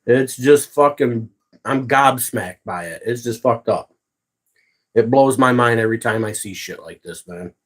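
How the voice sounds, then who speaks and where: A man's voice: medium pitch, unhurried, fairly bright tone. A man hosting a casual livestream, chatting with viewers and ranting with heavy profanity. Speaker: livestream host.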